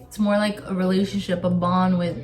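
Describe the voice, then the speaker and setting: A young woman hosting a casual chat video, relaxed, often saying "like" and "literally". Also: lowish voice, a little fast, a crowd in the background. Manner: relaxed, says "like" and "literally" a lot. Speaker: host.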